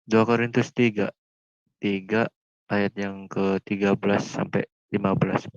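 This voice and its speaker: A man in a casual Bible discussion, reading scripture slowly and carefully with small stumbles. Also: fairly low pitch, level tone, dry recording, dull audio.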